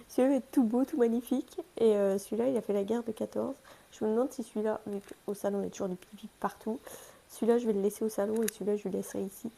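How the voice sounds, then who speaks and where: Young woman, casual haul vlogger, chatty and self-mocking, warm low-key timbre. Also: fairly even intonation, fast, vocal fry. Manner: chatty, self-mocking, talks to her pets. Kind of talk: casual shopping haul vlog.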